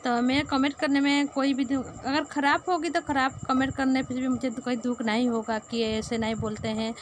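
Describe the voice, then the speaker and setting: A woman with a Sambalpuri Odia accent, a native Odia speaker narrating a casual vlog in halting Hindi, searching for words. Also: high-pitched, steady tone, slight background noise. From Sambalpur, Odisha. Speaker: vlogger.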